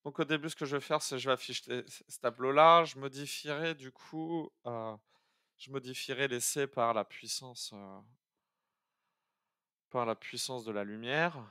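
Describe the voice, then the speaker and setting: A man's voice: mid-range voice, steady tone, normal speed, sharp tone, clear, resonant tone, no room sound, clean studio sound. A man streaming a coding lesson, talking casually and hesitantly with many fillers while he thinks aloud. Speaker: coding streamer teaching algorithms. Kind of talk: live-streamed coding tutorial.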